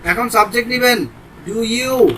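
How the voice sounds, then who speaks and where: Man, Bangladeshi accent, English teacher, high voice, bright tone, step-by-step explaining, faint hiss behind. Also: slow pace, low-quality recording. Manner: explains step by step, mixing Bengali with English examples. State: sweating in a hot room. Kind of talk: informal grammar lesson.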